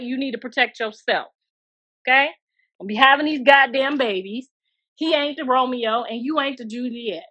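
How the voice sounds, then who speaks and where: A woman's voice: a little high, sharp tone. A middle-aged mother talking bluntly and chattily to viewers on her livestream, outdoors, calling them girl and honey. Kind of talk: casual livestream rant. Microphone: phone livestream.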